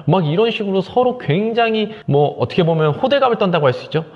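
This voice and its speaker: Fast, lively man giving a talk. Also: high-pitched, long reverb tail, dull audio. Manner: energetic, emphatic, more forceful than usual; acts out quoted dialogue. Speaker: speaker giving a morning talk on conversation skills. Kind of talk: motivational talk to camera.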